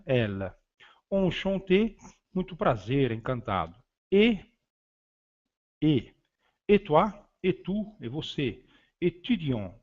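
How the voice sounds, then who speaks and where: Male teacher, slow deliberate delivery, dull lo-fi recording; drills vocabulary word by word with hesitant explanations. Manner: says each French word then its translation; stressed French words said louder and higher. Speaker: French teacher. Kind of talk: beginner language lesson, reading vocabulary.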